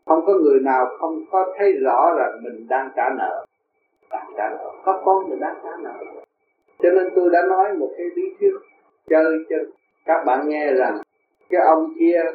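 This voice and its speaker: A man gives a dharma talk in a slightly raised voice, telling folksy parables and often asking his listeners whether they see the point. The sound is thin and phone-like, as on an old tape. It is echoey and carries a steady hiss. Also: fairly high pitch, normal speed. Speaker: spiritual teacher.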